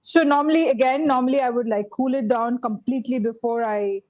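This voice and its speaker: A woman with a fairly high, slightly mellow voice talks fairly quickly while teaching vegan baking as a guest in a casual live online class. She hesitates, laughs often, and restarts a lot amid many fillers, heard through lo-fi video-call sound.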